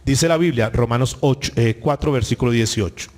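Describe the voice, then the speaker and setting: A man's voice: mid-range voice, brisk, a little mellow. A male pastor delivering a sermon, preaching emphatically and repeating key phrases to the congregation.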